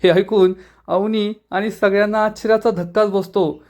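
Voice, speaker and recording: High-voiced man retelling a serial. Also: steady tone, normal speed, a little mellow. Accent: Marathi. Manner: storytelling, reading out dialogue of the characters. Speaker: episode review narrator.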